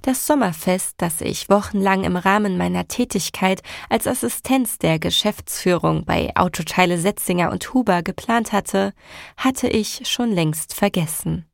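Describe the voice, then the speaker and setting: Woman narrator, gravelly voice, dry close sound, first-person audiobook. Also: mid-range voice, measured pace, no echo. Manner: even, storytelling.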